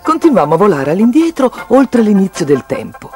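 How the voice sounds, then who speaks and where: Very animated children's storyteller over soft music. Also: mid-range voice, a little fast. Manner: very lively, sing-song storytelling.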